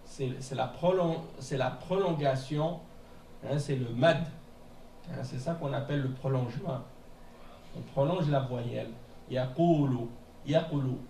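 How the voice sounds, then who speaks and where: A man teaching a beginners' class in a mosque classroom, explaining patiently and repeating words slowly, often checking with "hein?". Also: mid-range voice, warm tone. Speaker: Arabic teacher. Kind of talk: classroom lesson. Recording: echoey room from a distance, faint noise.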